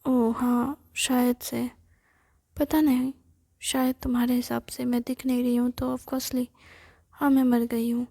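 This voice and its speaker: A chatty, self-admiring young ghost girl, as a woman puts her on in a whispered role-play. She fires off question after question in a breathy, high, fairly flat whisper. The tone is soft and dark. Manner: rapid questioning, insistent.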